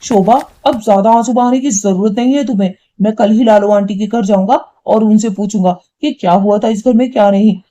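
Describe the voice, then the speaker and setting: A woman's voice: medium pitch, fairly even intonation, a little fast, hardly any pauses, warm tone, lightly acted. A woman voicing a hot-tempered young husband and son in a cartoon, scolding and indignant. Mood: stern. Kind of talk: cartoon voice acting.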